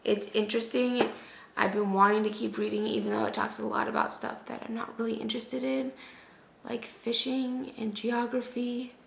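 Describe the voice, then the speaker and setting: A young woman chatting casually in a reading vlog, sick and losing her voice, often dropping to a soft half-whisper. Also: a little high, level tone, normal speed, creaky, echoey room, slight background noise. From US West Coast. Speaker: book vlogger. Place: at home.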